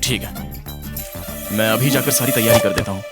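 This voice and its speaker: A man's voice: fairly low pitch, moderate pace, over loud music, natural voice. A man dubbing a loyal, lovesick young henchman in a film, earnest and troubled. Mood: brusque. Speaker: dub actor. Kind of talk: dubbed film dialogue. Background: film score.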